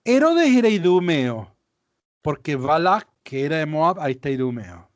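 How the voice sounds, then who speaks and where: A male Bible teacher walks his class through slides, explaining patiently and pausing to ask if everything is clear. His voice sits high and moves around a great deal in pitch. The sound is dry and close, with no room echo. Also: sing-song, dull audio. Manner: explanatory, checks understanding with questions. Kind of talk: lecture with slides.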